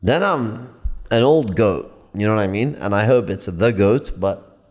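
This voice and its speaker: A man in his late thirties arguing his point in a casual podcast chat, emphatic and animated, often repeating himself. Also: on the low side, unhurried. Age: 30s. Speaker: podcast guest.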